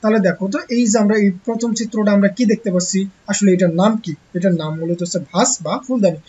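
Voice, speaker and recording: A teacher gives an online textbook lesson to young pupils. The teacher asks rhetorical questions and answers them, slowly repeating key words. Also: medium pitch, mellow, dull audio, a little hiss or hum.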